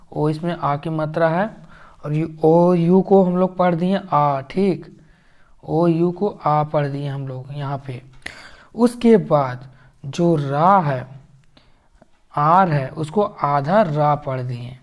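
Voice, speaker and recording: A man teaching English phonics, sounding out words slowly and repeating them. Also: fairly high pitch. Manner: slow, repetitive, drawn-out word sounding. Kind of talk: phonics lesson.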